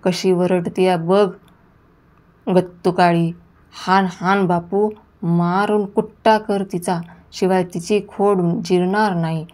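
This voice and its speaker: A fierce old village grandmother, as a woman reading the story voices her, scolding in a shrill, demanding voice. Her tone stays low and mellow underneath the sharpness. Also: level tone, slow. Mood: furious.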